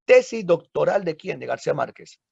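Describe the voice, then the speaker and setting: A man's voice: fairly high pitch, very animated, moderate pace, gravelly, a little mellow, slightly rough, no echo. A man with a Peruvian accent, a literature teacher telling a story as a dramatic lecture, with frequent tag questions to his listeners. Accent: Peruvian Spanish. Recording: dull lo-fi recording.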